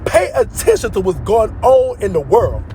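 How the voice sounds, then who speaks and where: A man from Louisiana in a heated live-stream rant, angry and swearing, his voice climbing into shouts. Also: high voice, wildly swooping pitch, moderate pace. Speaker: host of an online live stream. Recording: loud street and car noise.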